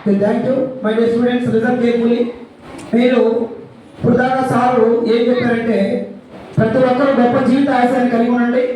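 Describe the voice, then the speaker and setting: A man with a high, level voice and a gives pupils steady instructions and leads them in a pledge. He sounds far off in a very echoey space, with a crowd of children and noise behind him. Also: normal speed. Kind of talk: motivational address to pupils. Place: school gathering.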